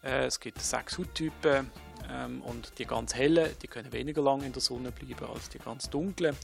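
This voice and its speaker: A man calmly explaining sun damage as a skin expert, with some hesitations. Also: mid-range voice, normal speed, creaky. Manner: calm, explanatory, with filler hesitations. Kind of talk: interview explanation. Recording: faint music behind.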